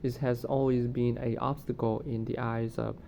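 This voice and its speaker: Halting man, slightly mellow, over rumbling noise. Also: little pitch movement, gravelly. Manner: hesitant, halting, searching for words. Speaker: vlogger giving commentary. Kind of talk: casual unscripted commentary on current events. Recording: noticeable low rumbling background noise.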